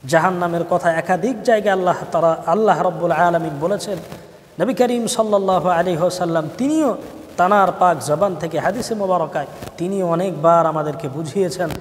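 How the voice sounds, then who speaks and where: A male preacher with a high voice delivers a sermon in a rising and falling cadence, drawing words out for emphasis. He breaks into chanted Arabic verses. A long hall reverb trails behind every phrase. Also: a little fast.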